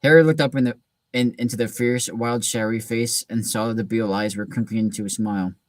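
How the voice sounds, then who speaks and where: A man hosting a reading session and reading a story aloud in a relaxed way, with frequent restarts. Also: medium pitch, quick pace, no room sound. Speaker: host reading a book aloud. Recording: distant mic in a dry room.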